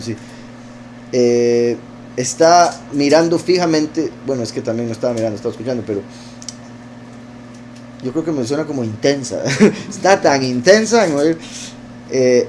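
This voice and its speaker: A man's voice: medium pitch, a little mellow, slight background noise. A man teaching his congregation. He reads a text aloud and keeps breaking off to explain it in an informal, digressive way, with frequent hesitations. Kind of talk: conversational scripture teaching.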